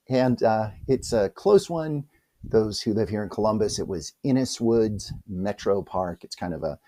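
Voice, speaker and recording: Chatty man hosting a spiritual vlog. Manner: animated, chatty, with wide pitch swings and asides. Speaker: host of a spiritual reflection channel.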